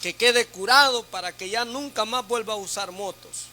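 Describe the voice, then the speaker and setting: A deacon preaches a sermon to a church women's meeting in a high-pitched voice at a moderate pace. He teaches through rhetorical questions and frequent tag questions, speaking loudly on the questions and then dropping to a soft aside.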